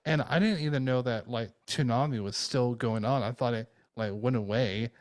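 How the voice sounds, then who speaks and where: Podcast host guy, mid pitch, dry close mic, lots of likes and ums. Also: moderate pace, no echo. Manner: relaxed, filler-heavy, moderating turns. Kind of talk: casual roundtable chat.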